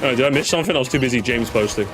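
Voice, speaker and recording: A man's voice: medium pitch, very fast. A young man streaming in casual chat, rambling and joking with mock outrage at his chat. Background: music playing.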